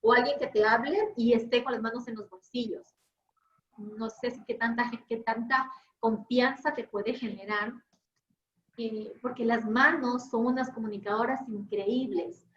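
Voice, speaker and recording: A quick, animated woman leads an online training class, tossing questions to her listeners. Her voice sits fairly high. The audio comes through a video call, roomy and a bit muffled, with faint noise behind it. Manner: fast-talking, lively, rhetorical questions.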